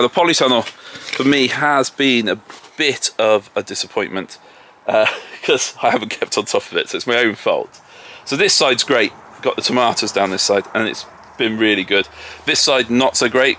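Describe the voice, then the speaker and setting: An English-accented man talks his way around his garden and orchard in a relaxed, self-deprecating ramble. His voice is bright and forward. Faint tractor noise hums in the background outdoors. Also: on the low side. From England. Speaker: homesteader vlogger. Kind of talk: casual walk-and-talk tour. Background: distant tractors and farm vehicles.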